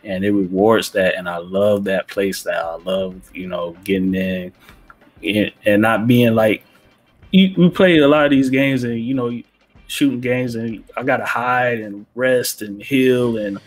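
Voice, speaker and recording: A man's voice: on the low side, fairly even intonation, measured pace. A man co-hosting a gaming podcast in a laid-back way, often adding "you know what I'm saying.". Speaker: podcast co-host. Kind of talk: casual gaming podcast chat.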